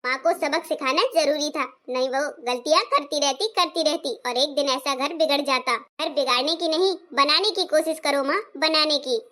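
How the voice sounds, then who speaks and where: A woman acts a fair-minded young daughter in a homespun family skit. She is earnest and firm, with a high, bright voice. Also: moderate pace, few pauses.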